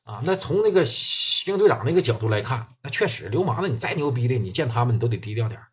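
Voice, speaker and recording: Husky Northeastern Mandarin storyteller. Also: male voice, mid-range voice, very animated, fast talker. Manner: colloquial, crude, vivid. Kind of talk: crime storytelling.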